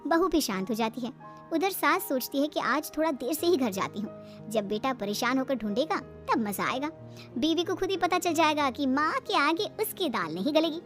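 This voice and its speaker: A woman's voice: sits high, animated, moderate pace, soft background music. Dramatic woman cartoon narrator. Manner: dramatic, storytelling. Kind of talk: scripted storytelling narration.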